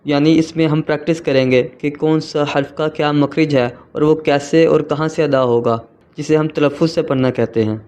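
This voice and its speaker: A man's voice: fairly high pitch, steady tone, darkish tone, clear, resonant tone. Patient Urdu-speaking man teaching letters. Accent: Pakistani Urdu. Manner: slow, patient, drawn-out letter sounds. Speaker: Quran reading teacher. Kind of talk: tutorial.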